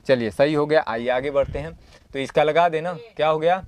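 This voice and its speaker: This Sanskrit teacher has a voice on the high side and speaks at normal speed. Going through a model exam paper, he reads lines aloud, puts them into plain Hindi, and asks the class questions he then answers. He stays homely and encouraging, drawing on everyday comparisons.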